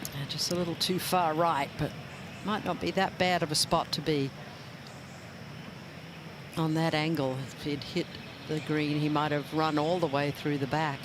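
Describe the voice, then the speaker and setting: A man's voice: on the high side, steady tone, measured pace, noisy background. A man working as a golf commentator, giving casual, conversational live analysis with unscripted asides.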